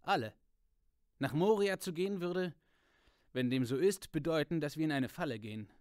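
Man voicing a forceful proud warrior, raised high pitch, loud and insistent, dry audiobook sound. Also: lively intonation, moderate pace, clear, resonant tone, no room sound, natural voice. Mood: urgent.

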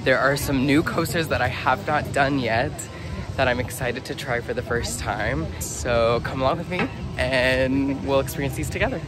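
A man's voice: medium pitch, moderate pace. A man in his twenties speaking enthusiastically and casually to a camera held at arm's length outdoors. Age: 20s. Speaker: vlogger. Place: outdoors in an amusement park. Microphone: phone or camera at arm's length. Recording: music over the voice. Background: loud music.

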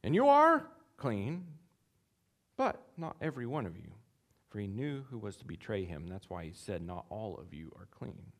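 A man delivers a sermon in an animated, lively voice that swings widely in pitch. He acts out the quoted lines of his text with sudden high jumps. He chuckles between points. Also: a little fast. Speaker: pastor.

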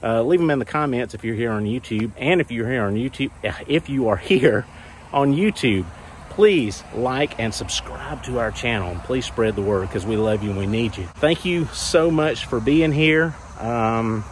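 A man's voice: mid-range voice, moderate pace, a little hiss or hum. A man in his forties, chatty and folksy, vlogging on his farm while holding his phone at arm's length outdoors. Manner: folksy, chatty, repeats himself. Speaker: homesteading vlogger. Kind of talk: casual vlog narration. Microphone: phone held at arm's length.

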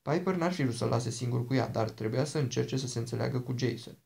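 A man reading an audiobook with steady, scripted narration. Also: medium pitch, gravelly.

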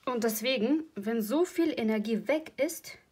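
Brief: woman vlogger, husky voice, rambling emotional chat at home. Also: a little high, lively intonation, measured pace, darkish tone. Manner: chatty, rambling and emotional, laughs often. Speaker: crochet channel host. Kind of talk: casual vlog chat.

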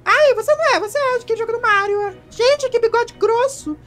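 A woman's voice: extremely high pitch, a little fast, fairly bright tone. A woman voicing a ditzy, rude, tipsy female reporter at a party in a comedy skit, theatrical and whiny. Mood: brash. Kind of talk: comedy skit role-play. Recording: music playing behind.

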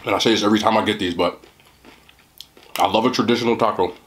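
A man's voice: on the low side, fairly even intonation, fast, a bit bright, a little hiss or hum. Slangy man chatting through a mukbang. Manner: slangy, joking, talks while chewing. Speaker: food reviewer. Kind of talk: mukbang eating chat.

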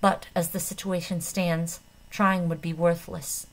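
A woman voicing a calm, formal female doctor who speaks quietly and precisely. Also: on the low side, a little slow. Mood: coolly formal.

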